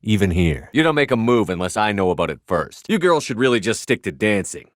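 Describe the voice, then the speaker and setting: A man's voice: lowish voice, sing-song, a little fast, no echo. A man voicing a tough, commanding military starship commander in a video game, with a terse, authoritative, dry delivery. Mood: cool, threatening.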